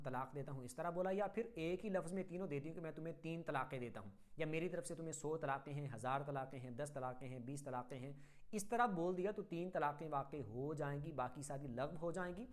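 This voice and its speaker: A man from Pakistan giving a religious lesson as an Islamic teacher, firm and methodical, running through example phrases one after another. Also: high-pitched. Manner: firm, instructive.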